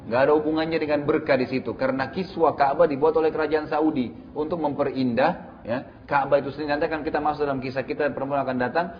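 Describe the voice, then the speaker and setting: A man's voice: on the high side, steady tone, fast, lo-fi sound, a little hiss or hum. A middle-aged man gives a religious lecture in a conversational style, often adding tag questions and speaking straight to his listeners. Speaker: Islamic preacher.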